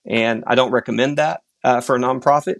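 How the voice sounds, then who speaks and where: A man's voice: mid-range voice, steady tone, a little fast, vocal fry, no room sound, studio quality. A man, a coffee shop founder answering podcast interview questions in an enthusiastic, upbeat storytelling manner. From Oklahoma, United States.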